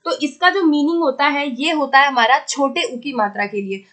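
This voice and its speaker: Young woman, Hindi accent, high voice, exam-prep teacher, patient and explanatory, reads questions slowly. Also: fairly bright tone. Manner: explanatory, repeats "theek hai" to check in; slows down to read questions aloud.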